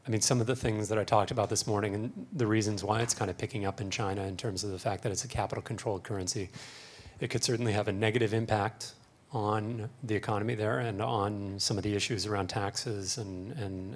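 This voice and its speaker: A man speaking on a conference panel in a measured, hedging way. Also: on the low side, steady tone, a little hiss or hum. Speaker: panelist, market researcher.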